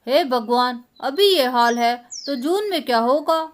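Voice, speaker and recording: A woman's voice: high-pitched, animated, unhurried, voice pushed down. A woman voicing a pompous middle-aged male village moneylender who groans and pants about his troubles. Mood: weary. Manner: groaning, panting complaints.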